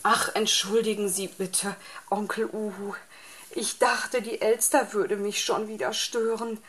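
A woman's voice: fairly low pitch, expressive, slow pace. A woman voicing a grumpy, lazy male fox in a storybook reading, irritable and grumbling.

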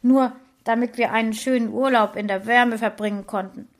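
A woman's voice: medium pitch, moderate pace, lightly acted. A woman reading a remorseful husband. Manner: regretful, subdued. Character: remorseful middle-aged husband, a dog's owner.

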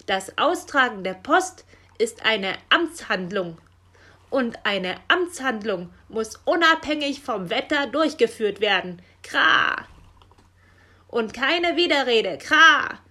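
A woman voicing a stern, bossy male raven official in a children's story, gruff and commanding, squawking "Kra" between sentences. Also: on the high side, animated, slow pace, fairly bright tone, exaggerated voice. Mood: scolding.

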